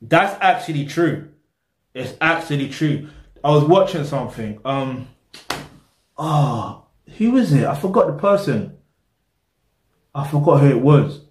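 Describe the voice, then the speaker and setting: A man's voice: fairly high pitch, sing-song, a little slow, long pauses. A young man, hosting a reaction video, talking casually to the camera in a small room, rambling and losing his train of thought. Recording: roomy echo.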